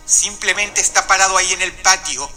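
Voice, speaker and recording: A man reading the lines of a frightened little boy calling an emergency line, in a quiet, trembling way. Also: sits high, a little fast, soft background music. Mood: scared.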